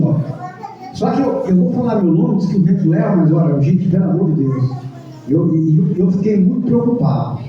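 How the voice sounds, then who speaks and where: A man with a high but very dark, mellow voice gives a halting personal testimony at a church service, repeating words and leaning on fillers. He is picked up from well away from the mic in a very echoey church hall, and the sound is dull and muffled. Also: recorded from a distance. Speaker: church member giving testimony.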